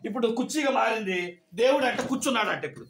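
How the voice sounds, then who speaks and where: A male pastor with a high voice preaches a sermon, telling stories and asking questions of his listeners. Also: expressive, quick pace, creaky, a bit bright. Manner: storytelling, asking the congregation questions.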